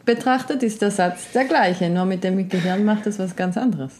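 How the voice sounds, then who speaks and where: A woman's voice: medium pitch, normal speed, darkish tone, a little hiss or hum. A woman in casual conversation, listening closely and chiming in with short agreement. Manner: attentive, frequent affirming murmurs.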